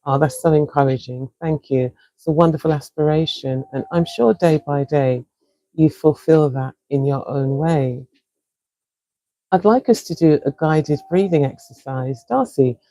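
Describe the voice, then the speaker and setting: A woman with a South London accent, a wellness coach leading a live-streamed guided breathing session in a slow, soothing, encouraging way. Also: sits low, dark tone, no echo, low-quality recording. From England.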